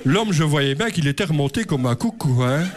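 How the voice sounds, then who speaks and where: A man's voice: on the high side, animated, moderate pace. A middle-aged man telling a rambling, self-mocking comic story on stage. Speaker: comedian. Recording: live show with audience laughter.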